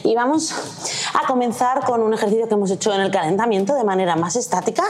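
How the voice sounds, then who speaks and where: A woman's voice: fairly high pitch, quick pace, a little hiss or hum. A woman with a Castilian accent from Spain coaching a workout class, urging listeners on with short exclaimed commands and counts. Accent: Castilian Spanish from Spain. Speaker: fitness coach leading a workout. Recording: music playing behind the voice. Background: loud workout music.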